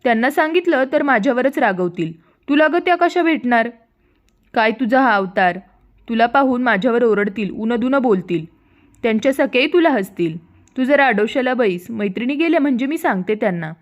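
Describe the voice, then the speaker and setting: A woman's voice: on the high side, lively intonation, moderate pace, close to an everyday voice. A woman voicing a worried young maidservant who questions anxiously in a folk tale.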